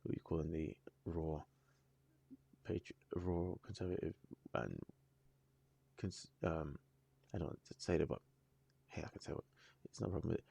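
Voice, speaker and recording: A man hosting a music reaction video, chatting casually and thinking aloud in halting, rambling sentences with frequent restarts. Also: sits low, gravelly, mellow, breathy edge. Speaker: music reaction channel host.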